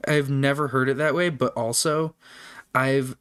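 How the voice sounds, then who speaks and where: A man's voice: mid-range voice, fairly even intonation, a little slow, a bit bright, clear, resonant tone, dry recording, studio quality. A man hosting a casual livestream, chatting with viewers in a rambling, profane way. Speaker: livestream host. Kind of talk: casual live-stream chat.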